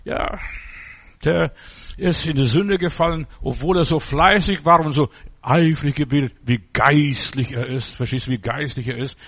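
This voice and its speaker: A man's voice: on the high side, normal speed, fairly bright tone, breathy edge. A man preaching an informal sermon, blunt and mocking, in short broken phrases.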